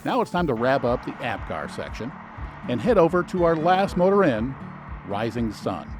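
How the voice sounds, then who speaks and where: A man's voice: mid-range voice, big pitch swings, moderate pace. A man narrating a travel video as a guide, scripted and informative, with dry, lightly sarcastic asides. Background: soft background music.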